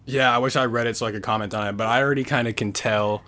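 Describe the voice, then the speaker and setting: A young man hosts a casual book podcast. He rambles through a retelling in loose slang, stacking "like" and "bro" as he goes. His voice sits at an ordinary middle pitch. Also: steady tone, rapid-fire, pushed and bright, a little hiss or hum. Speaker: podcast host.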